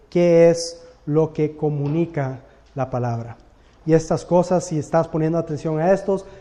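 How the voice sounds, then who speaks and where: Guy teaching bible class, kinda high voice but mellow, explains stuff and keeps checking in with the class.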